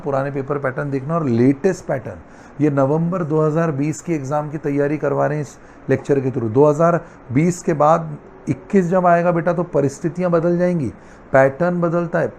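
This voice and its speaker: A man's voice: a little high, a little mellow, slight background noise. A middle-aged man teaching a math class, telling a playful story and acting out its characters. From India. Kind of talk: classroom lecture.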